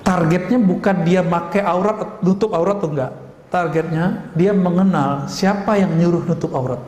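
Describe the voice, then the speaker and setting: A man preaching a lively sermon and asking the audience questions, now and then acting out scolding voices. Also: sits high, normal speed. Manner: animated, acts out scolding voices, laughs. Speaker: Islamic preacher. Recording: echoey hall recording with ambience.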